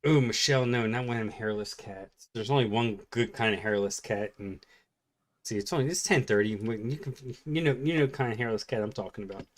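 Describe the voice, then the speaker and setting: A tired man chatting casually and at a relaxed pace as a co-host, rambling with fillers. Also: fairly low pitch, brisk. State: tired, yawning. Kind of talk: casual late-night chat.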